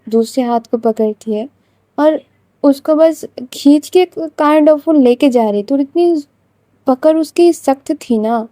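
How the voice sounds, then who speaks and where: A woman's voice: sits high, mellow, dry recording. A woman narrating an emotional love story in a conversational, dramatic way.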